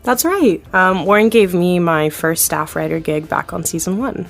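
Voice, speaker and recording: In a scripted audio drama, an actress in her thirties plays a TV executive producer being interviewed, candid and chatty, laughing often and downplaying her own success. Her voice sits fairly low with vocal fry at a moderate pace, and soft music plays in the background.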